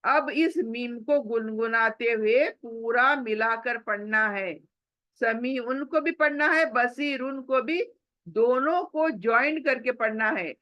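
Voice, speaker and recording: Lady teaching quran recitation, slow and patient, hums the letters, dry dull recording. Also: on the high side, dry recording. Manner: patient, repeats examples slowly and hums the letters; asks the students questions and answers them herself. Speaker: tajweed teacher.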